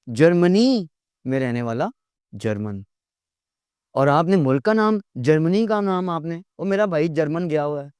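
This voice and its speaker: A man teaching an English lesson, repeating each word slowly with exaggerated mouthing and adding wry, gently scolding asides. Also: on the high side, no room sound, studio quality. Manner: drills words with slow, exaggerated mouthing and repetition. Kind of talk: recorded pronunciation lecture.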